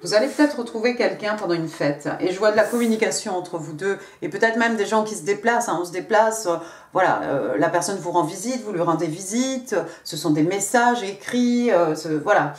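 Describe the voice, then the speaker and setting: A woman giving a casual tarot reading, talking straight to the viewer in a chatty, halting way, repeating herself and filling pauses. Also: mid-range voice, expressive. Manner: chatty, halting, repeats words, many fillers; speaks directly to the viewer. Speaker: tarot card reader. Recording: echoey room.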